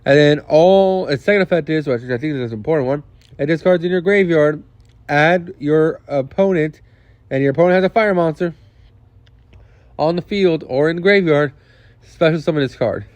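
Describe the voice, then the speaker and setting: A man's voice: on the high side, normal speed, darkish tone, dry recording, highs cut off. A young man casually reviewing game cards, thinking aloud with frequent restarts and the odd swear word. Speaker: card game video host. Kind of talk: casual card review commentary.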